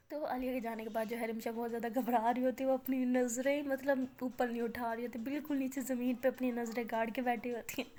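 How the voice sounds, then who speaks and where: A woman's voice: high voice, a little mellow. A woman casually narrating a love story on her channel, with chatty fillers.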